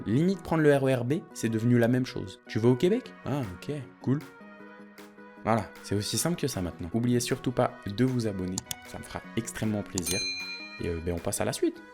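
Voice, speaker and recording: A man's voice: medium pitch, darkish tone. A young man from France with a French accent, talking casually and jokingly to his viewers in a vlog. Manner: joking, chatty, addresses viewers as tu. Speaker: vlogger. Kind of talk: casual direct-to-camera vlog.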